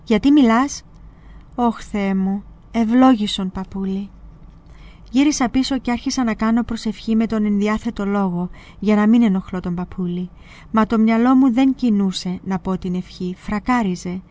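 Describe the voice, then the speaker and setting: Mellow-voiced woman reading a memoir. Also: medium pitch, steady tone. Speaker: presenter. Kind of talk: reading a spiritual memoir aloud.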